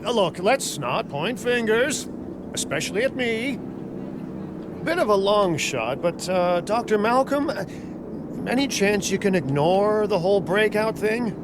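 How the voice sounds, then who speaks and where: An actor playing a flippant, self-serving dinosaur park boss in a video game, glib and joking. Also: male voice, sits high, animated, a little slow. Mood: sheepish, evasive. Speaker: park boss giving instructions. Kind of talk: video game character dialogue. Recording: clear vehicle and outdoor ambience noise.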